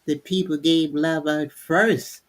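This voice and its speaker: Older woman with a lower voice. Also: fairly even intonation. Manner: earnest, unhurried reflection. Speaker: panelist, host's mother. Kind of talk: casual faith talk.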